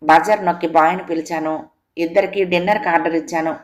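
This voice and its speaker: A woman storyteller reads a literary tale aloud, steady and composed. Her voice sits somewhat low for a woman, and her delivery is measured and even. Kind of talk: scripted audio story narration.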